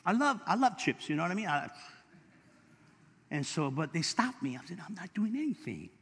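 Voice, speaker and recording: A male pastor with a Californian accent preaching a sermon, telling stories and building up to shouts. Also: sits high, sing-song, normal speed, creaky, husky. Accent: Californian English. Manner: storytelling preacher, rising to shouts. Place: church sanctuary. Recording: long hall reverb.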